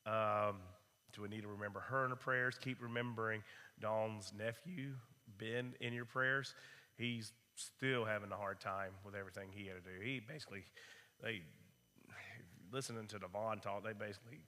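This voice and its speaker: A hoarse man with a cough, leading a church Bible study with relaxed, rambling announcements and prayer requests. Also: lowish voice, normal speed. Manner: relaxed, rambling, many fillers. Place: church room. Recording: long reverb of a church hall.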